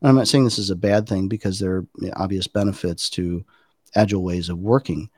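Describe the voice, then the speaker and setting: A man's voice: deep voice, steady tone, brisk, a little mellow, no echo. A middle-aged man talking casually as a podcast guest, explaining things thoughtfully with loose fillers and restarts. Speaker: podcast guest, design practitioner.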